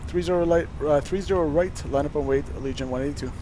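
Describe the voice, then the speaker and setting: A man making brisk, clipped pilot radio readbacks into a cockpit headset microphone. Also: a little high, dark tone, slight background noise. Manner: brisk, clipped aviation phrasing. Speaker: flight sim streamer flying online.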